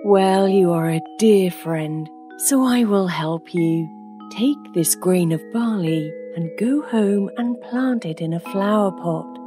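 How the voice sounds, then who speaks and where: A woman voicing a kindly, wise fairy in an animated fairy tale, calm and reassuring. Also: mid-range voice, slow, over music, natural voice.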